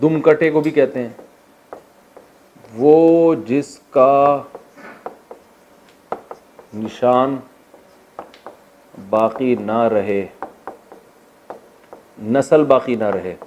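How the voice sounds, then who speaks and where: A man's voice: mid-range voice, long pauses, darkish tone, dull audio, a little hiss or hum. A man from Pakistan, an Islamic scholar teaching a Quran exegesis class, who asks the class questions, answers them himself, and jokes with his students. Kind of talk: classroom lecture.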